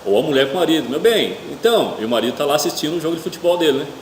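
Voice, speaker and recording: Brazilian preacher with toothache, echoey hall. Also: male voice, on the high side, very fast. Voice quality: speech slightly hampered by toothache. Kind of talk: church sermon. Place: indoor church hall with noisy ambience. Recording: echoey reverberant hall, clear room hum.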